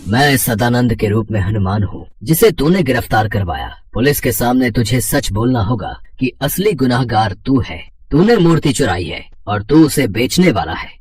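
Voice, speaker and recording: A man voicing a calm, benevolent monkey god who speaks in a deep, slow, solemn way. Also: husky. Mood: stern.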